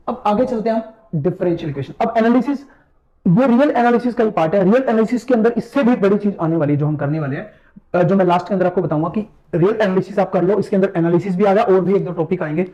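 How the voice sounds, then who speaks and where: Casual Hindi-speaking math teacher, high voice. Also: male voice, dark tone, highs cut off. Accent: Hindi, mixing English math terms. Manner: casual, reassuring, keeps telling viewers to look closely. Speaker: math exam-prep teacher. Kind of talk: screen-share syllabus walkthrough lecture.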